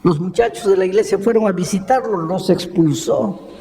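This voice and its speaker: A man preaching a sermon as a pastor, telling a story slowly and dramatically with repeated lists and rhetorical questions. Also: high-pitched, warm tone, long reverb tail.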